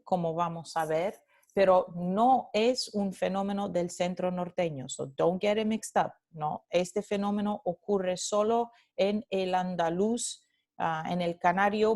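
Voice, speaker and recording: A woman gives a recorded Spanish phonetics lecture at a slow, unhurried pace. She moves between Spanish and English as she explains. She repeats example words aloud so students can hear them. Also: on the low side, darkish tone. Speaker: Spanish language instructor.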